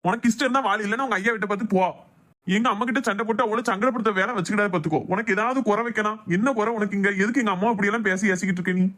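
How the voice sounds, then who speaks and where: A man's voice: sits high, rapid-fire, fairly bright tone. A man voicing a stern grown son in a cartoon, with a Thoothukudi Tamil accent, lecturing his wife. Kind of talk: cartoon voice acting.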